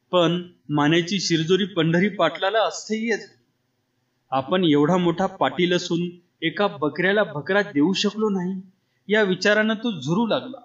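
A man narrates an audiobook tale in a steady, dramatic way. His voice sits fairly high. The recording sounds dull and lo-fi. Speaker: storyteller.

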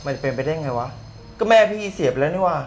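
A man's voice: fairly high pitch, expressive, fast, natural voice. Man playing a blunt young sidekick. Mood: deadpan. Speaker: younger brother figure. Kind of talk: short film acting. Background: loud music.

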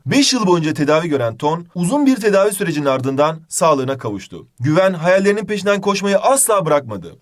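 Animated male news voice-over. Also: fairly high pitch. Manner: measured, formal reporting. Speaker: news reporter.

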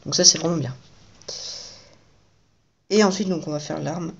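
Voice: mid-range voice, a little slow, creaky, muffled recording, slight background noise. A toy reviewer giving casual commentary while building a set at home at night, chatty and repeating the same praise.

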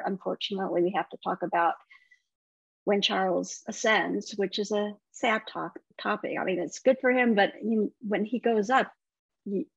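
Husky woman correspondent on a remote feed. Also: medium pitch, no echo, dull audio. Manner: chatty, laughs often, many restarts. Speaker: entertainment correspondent. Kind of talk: casual TV segment chat.

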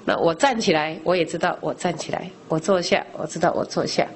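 Middle-aged woman lay teacher, slightly low voice, conversational Dharma lecture full of rhetorical questions; faint background noise. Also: brisk. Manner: explains by asking rhetorical questions and answering them; frequent discourse particles, conversational teaching.

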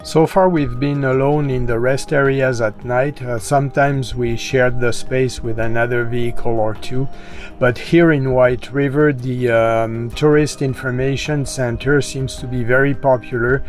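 A middle-aged man from Canada narrating his van travel vlog in a calm, unhurried way with small filler pauses. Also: medium pitch, soft background music. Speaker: van life vlogger.

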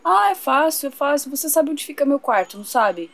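A woman's voice: sits high, very animated, brisk, vocal fry, exaggerated voice. A woman voicing a cheerful toy boy who reassures his friend about a bold plan. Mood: reassuring.

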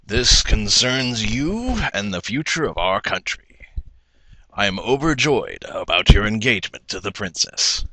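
Video game king, old and sinister, booming villain monologue delivery, played by a man; low, forceful, swooping pitch. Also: full character voice, low-quality recording.

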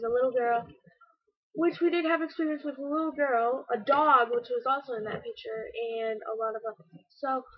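A woman's voice: high-pitched, slight background noise. A teenage girl vlogging casually, rambling with lots of fillers about an old recording. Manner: rambling, filler-heavy, self-deprecating. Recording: dull lo-fi webcam audio.

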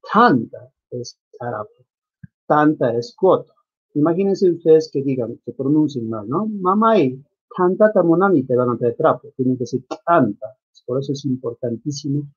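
A man's voice: mid-range voice, dark tone, breathy edge. A man giving a virtual conference lecture, explaining examples step by step and ending points with a questioning tag. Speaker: lecturer on the Quechua language. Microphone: video call. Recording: dull lo-fi video call audio.

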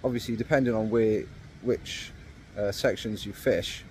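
A man in his thirties with a lowish voice, chatting in a relaxed, rambling way with plenty of ums. He films himself at arm's length beside a river, with a faint hum of outdoor sound behind him. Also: a little slow. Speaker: fishing vlogger. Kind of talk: casual outdoor vlog narration. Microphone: phone or action camera held at arm's length.

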